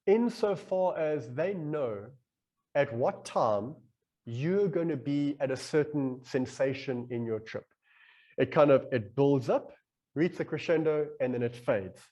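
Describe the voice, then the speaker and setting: Mellow-voiced man telling a rambling story. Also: fairly high pitch, measured pace. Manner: rambling, animated retelling that acts out his own inner voice. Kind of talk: casual podcast storytelling.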